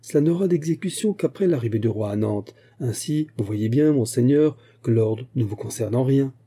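A shrewd, middle-aged musketeer captain, read by a man, polite yet pointed, with a very dark, husky voice. He presses his hints calmly and courteously, lending a dry irony to each word of this audiobook reading. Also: medium pitch, moderate pace. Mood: reassuring. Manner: courteous, insistent, quietly ironic.

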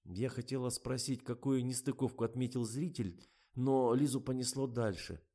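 A man's voice: mid-range voice, steady tone, moderate pace, warm tone. Man reading an audiobook. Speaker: audiobook reader. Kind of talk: scripted narration.

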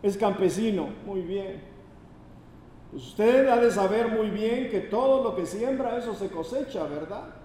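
A man acting out an earnest preacher who reasons with patient questions. The voice runs high and lively. A roomy hall echo surrounds it. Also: measured pace, slight background noise. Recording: echoey hall reverb.

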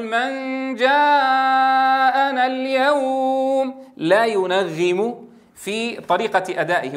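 High-voiced Syrian man teaching recitation. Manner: animated, demonstrates pronunciations and recitation, asks the audience. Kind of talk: classroom lecture.

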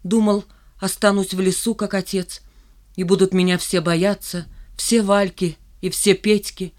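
A reader voicing a rough, blunt, shaggy schoolboy bully in an audiobook. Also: mid-range voice, little pitch movement, unhurried, close to an everyday voice. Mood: brooding. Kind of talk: audiobook character reading.

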